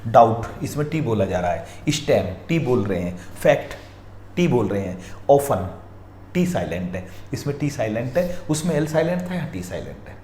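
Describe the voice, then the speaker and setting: Male teacher, dark warm tone, coaxing viewers step by step; roomy echo and faint hiss. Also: medium pitch, sing-song. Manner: repeatedly urges viewers to pause and look carefully. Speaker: reasoning exam teacher. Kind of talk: explaining practice questions. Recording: echoey room, faint noise.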